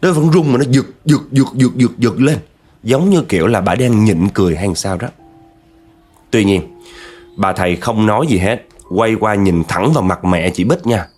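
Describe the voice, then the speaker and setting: A man's voice: fairly low pitch, animated, normal speed, darkish tone, faint music behind. A man telling a spooky story in a chatty way, talking straight to his listeners. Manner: chatty, addresses listeners directly. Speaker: horror storyteller.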